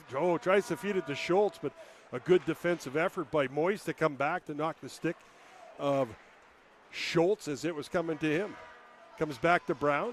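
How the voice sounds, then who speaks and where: A man calling hockey play-by-play in a rapid running call, rising to shouts on scoring chances. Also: a little high, a little hiss or hum. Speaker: play-by-play announcer.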